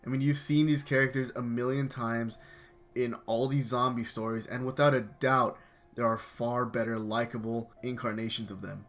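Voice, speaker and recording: A young man narrates a scripted video game review. He talks in a dry, dismissive way about what he dislikes. His voice sits at an ordinary middle pitch. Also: level tone, normal speed, fairly bright tone.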